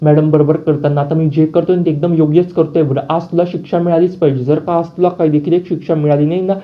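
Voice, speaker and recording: A fiery young manservant scolds without pause, indignant and loyal, as a man voices him in a serial recap. His voice sits a touch high. The audio is dull and lo-fi. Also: level tone, natural voice. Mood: outraged. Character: angry loyal young male servant.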